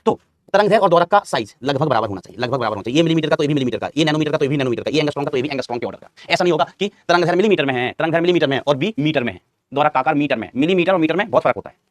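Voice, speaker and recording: Male physics teacher, classroom lecture, call-and-response questioning, repeats key terms, fairly high voice, dry sound. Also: lively intonation, rapid-fire, no room sound. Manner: quizzes students and answers his own questions, repeats key terms; calls students son and brother affectionately.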